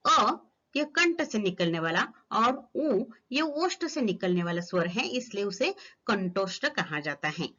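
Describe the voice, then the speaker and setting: A woman teaching an online grammar lesson, speaking slowly and sounding out each vowel as an example. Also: mid-range voice, animated, sharp tone. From Maharashtra, India. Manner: slow, deliberate, models each vowel sound aloud. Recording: slightly dull lo-fi recording.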